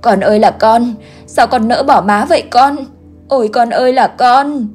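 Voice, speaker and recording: A woman's voice: fairly high pitch, normal speed, a little mellow, breathy edge, soft background music, pitched above the performer's own voice. A woman voicing a grieving village mother who wails for her dead son, her voice raised and sobbing. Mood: grief-stricken. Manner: wailing, sobbing cries.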